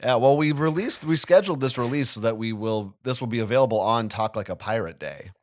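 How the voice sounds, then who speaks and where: Joking podcast host with a chatty voice. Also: male voice, medium pitch, fairly quick. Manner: playful, jokey banter. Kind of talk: scripted narration then casual chat.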